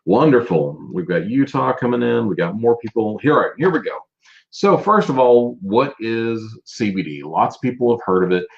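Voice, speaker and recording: A man's voice: mid-range voice, big pitch swings, moderate pace, creaky, muffled recording. A man hosting a casual live stream, chatting and greeting viewers by name as he presents. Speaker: livestream host presenting a business.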